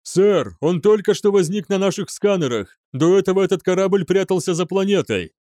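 A man putting on a terrified young fleet officer who yells every report in a high, strained voice. It is read in an audiobook, and his pitch leaps wildly. The sound is dry and close. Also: lively intonation, slow pace, no echo. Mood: alarmed shouting. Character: panicked young male fleet sensor officer.

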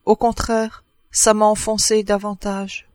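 A man reading an audiobook, voicing a gruff, kindly old neighbor woman who chats bossily. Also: high-pitched, completely flat delivery, unhurried, darkish tone, no room sound. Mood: consoling. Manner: bustling, bossy, chatty.

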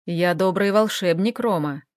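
Low, unhurried sneering villain, middle-aged man, read by a woman; dry booth. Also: darkish tone, no echo, lightly acted. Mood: menacing calm. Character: menacing calm middle-aged man, mocking kidnapper.

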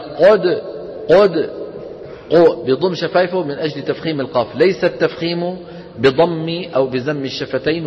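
A man teaching a tajweed lesson to a class, explaining and then demonstrating slow, drawn-out recitation. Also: fairly high pitch. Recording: dull echoey lecture hall recording.

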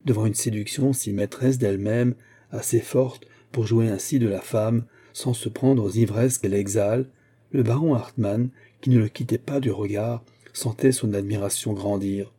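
A man giving a measured, scripted narration of a classic novel as an audiobook narrator. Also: fairly low pitch, steady tone, dark tone, husky.

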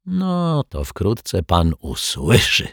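A man voicing a weary middle-aged building caretaker who talks slowly, in an audiobook. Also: lowish voice, wildly swooping pitch, no echo, studio quality, voice pushed up, heavily acted. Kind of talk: audiobook character voice.

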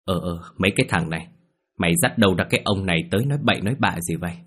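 A man voicing a bewildered middle-aged mother who scolds and panics, in a low, husky voice. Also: racing. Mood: bewildered scolding.

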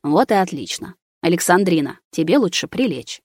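Woman doing a cold ancient guy, clipped and bossy, lowish voice, dry sound. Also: sing-song, normal speed, a little mellow, no room sound. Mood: icy. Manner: icy, clipped, commanding. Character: cold, menacing ancient male being.

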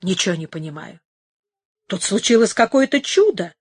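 A woman's voice: high-pitched, very animated, unhurried, darkish tone, dry recording, voice pushed up. A woman voicing a frightened old man who swears and pleads in a read-aloud story. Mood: pleading. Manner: pleading, grumbling.

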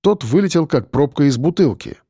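A man narrating an audiobook in a steady storytelling manner. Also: a little high, fairly quick, slightly rough, no room sound, clean studio sound. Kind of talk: scripted narration.

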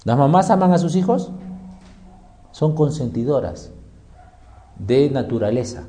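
Male preacher, mellow dark tone, emphatic delivery, rhetorical questions. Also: medium pitch, big pitch swings, measured pace, a little hiss or hum. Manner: emphatic, fires rhetorical questions and answers them. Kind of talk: sermon.

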